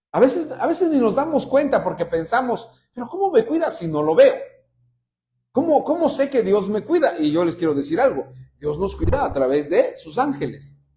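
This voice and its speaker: Mexican pastor preaching, voice jumps all over, kinda dark warm tone. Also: male voice, sits high. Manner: animated storyteller, acts out quotes. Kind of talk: sermon. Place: church pulpit.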